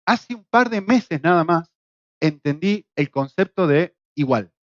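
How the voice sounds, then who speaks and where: A middle-aged man from Argentina with an Argentine Spanish accent, teaching a Bible class in a lively way, with rhetorical questions and jokes. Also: on the high side, measured pace, dry recording. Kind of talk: church class lecture. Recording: dull, lo-fi, dry sound.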